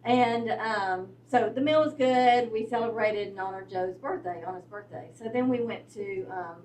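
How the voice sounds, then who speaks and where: A woman's voice: mid-range voice, moderate pace, darkish tone, slight background noise. A woman in her fifties telling a personal story in a hesitant way, with many fillers. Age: 50s. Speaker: class member sharing a story. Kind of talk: casual storytelling. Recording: echoey room, far from mic.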